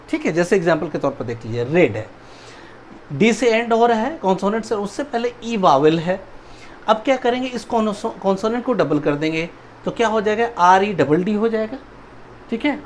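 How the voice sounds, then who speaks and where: A man with a high, a little mellow voice teaches grammar in a video lecture, spelling out each word letter by letter. "ठीक है" and "समझ में आया?" come up often as he makes sure the class understands, over slight background noise.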